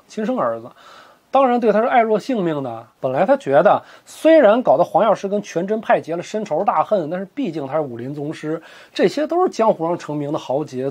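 A man narrating a martial-arts story in a lively, colloquial, joking way. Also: fairly high pitch, slightly rough.

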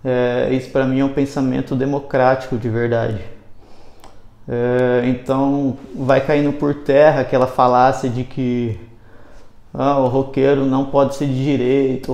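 Brazilian man vlogging in a flat voice. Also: medium pitch, vocal fry. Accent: Brazilian Portuguese. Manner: opinionated, conversational, hesitant phrasing. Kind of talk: casual opinion vlog. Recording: roomy echo.

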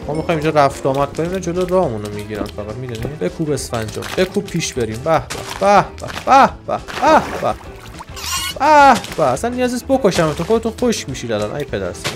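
A man giving excitable, joking commentary over a game, shouting and trash-talking the monsters. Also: on the high side, hardly any pauses, music in the background. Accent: Iranian Persian. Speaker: gaming YouTuber. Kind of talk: Minecraft let's-play commentary.

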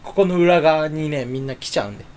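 A man chatting alone in a rambling, self-mocking way, with sudden jumps up in pitch. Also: quick pace, a little mellow, slight background noise. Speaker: streamer. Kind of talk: casual solo chat.

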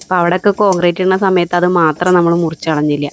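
A woman narrating her home cooking in a casual, chatty way, speaking slowly and gently with a slightly hoarse voice from a lingering cough. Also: on the low side, steady tone. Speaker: cooking vlogger.

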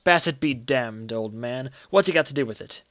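A man's voice: medium pitch, moderate pace, a bit bright, dry recording, studio quality, natural voice. A man voicing a jovial, teasing uncle in a story, hearty and amused in manner. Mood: sceptical.

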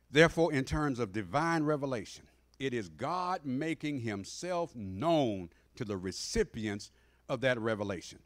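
A middle-aged man teaching a Bible class in a church sanctuary, emphatic and asking the class questions as he goes. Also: mid-range voice. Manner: emphatic, call-and-response questions. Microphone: standing in front of a mic stand.

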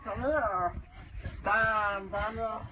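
A man's voice: high-pitched, steady tone, drawn-out words, pushed and bright. A young man in casual, joking chat, recorded on a camera a few feet away on an outdoor porch. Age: young adult. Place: outdoor house porch at night. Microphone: handheld camera a few feet away. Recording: noisy handheld camera audio.

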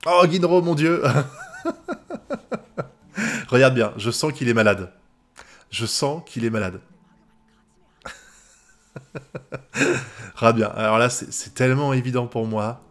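A man's voice: mid-range voice, measured pace, long pauses, fairly bright tone. A man from France giving live reaction commentary on an anime episode, swearing often and breaking into laughter.

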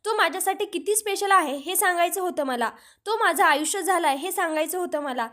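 A woman's voice: extremely high pitch, a little fast, sharp tone. A woman reading the lines of an earnest young woman confessing her love in a storybook retelling. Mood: heartfelt. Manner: heartfelt, pleading.

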